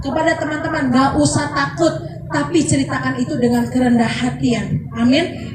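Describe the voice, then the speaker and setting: A young woman preaches a testimony sermon at an outdoor gathering, speaking in a high voice. She tells her story and keeps calling the audience brothers and sisters. The recording is echoey and distant, with clear noise behind her.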